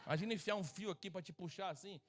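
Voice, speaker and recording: A middle-aged Brazilian pastor preaches a sermon at a church service in Brazilian Portuguese, speaking rapid-fire in a high voice. He's humorous, joking and acting out the voices of people in his stories.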